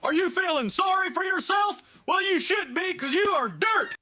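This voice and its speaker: A man theatrically berating someone in a taunting yell. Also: very high-pitched, expressive, moderate pace. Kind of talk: theatrical insult rant. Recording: dull lo-fi played clip.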